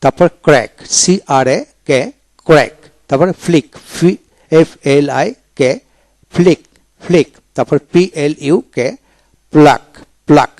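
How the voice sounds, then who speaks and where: A man teaching English spelling in a video lecture, slowly spelling each word letter by letter and repeating it. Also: on the high side, a little mellow, dry recording. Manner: slow and drilling, spells words letter by letter and repeats them.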